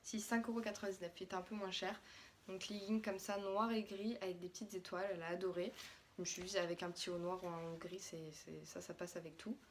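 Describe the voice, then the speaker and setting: A woman's voice: lowish voice, fairly even intonation, fast talker, a little hiss or hum. A young French woman, a mother, chatting casually through a haul of her daughter's clothes with plenty of fillers and restarts.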